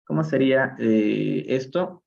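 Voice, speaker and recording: Teaching English reading on a live stream, a man with a Peruvian Spanish accent speaks at medium pitch with lively intonation, sounding creaky and a little mellow, the highs cut off by his phone or computer mic. He models phrases slowly and drawn out, addressing chat viewers by name and asking questions.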